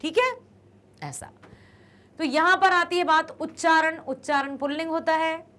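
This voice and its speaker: A woman teaching a grammar lesson, explaining patiently and repeating each word slowly. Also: extremely high pitch, steady tone, bright, forceful tone.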